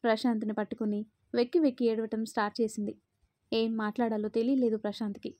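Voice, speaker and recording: A woman narrating a story in a steady, even way. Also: fairly high pitch, fast, dry recording.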